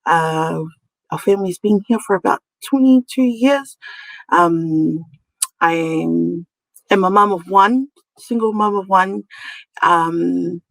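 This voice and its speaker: A woman's voice: lowish voice, slow pace, vocal fry, no room sound, poor audio. A middle-aged woman with a Samoan New Zealand accent, chatting informally and giggly as she tells her story as an interview guest. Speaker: podcast guest, community nurse. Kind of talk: casual conversational storytelling.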